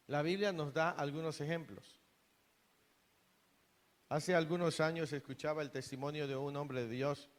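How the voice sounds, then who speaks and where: A man preaching a sermon in a church hall, earnest, often repeating and restarting words. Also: fairly high pitch. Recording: long reverb of a hall.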